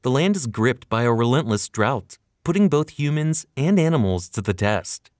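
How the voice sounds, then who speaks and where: Give the voice of a man narrating a nature documentary from a script. His pitch sits in the middle range for a man, and his delivery is measured and earnest, like storytelling. The voice-over is recorded close and dry, with no room sound. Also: big pitch swings, darkish tone, no echo.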